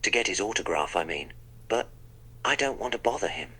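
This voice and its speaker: A man's voice: fairly low pitch, animated, a little fast, sharp tone, a little hiss or hum, low-quality recording. A man voicing the Doctor, a wry, polite eccentric time traveller, in a text-to-speech role-play that narrates his own actions.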